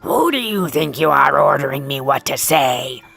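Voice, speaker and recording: A woman's voice: a bass voice, expressive, moderate pace, fairly bright tone, soft background music, pitched below the performer's own voice, heavily acted. A woman voicing a huge, hot-tempered male ogre in a storybook, with a growling, fearsome manner. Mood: menacing. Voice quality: gravelly, growling. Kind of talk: storybook reading.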